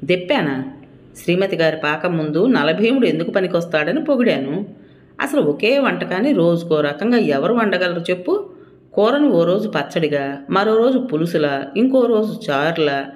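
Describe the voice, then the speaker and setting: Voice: mid-range voice, lively intonation, moderate pace, close to an everyday voice. Narrator doing a teasing young husband. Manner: coaxing, joking.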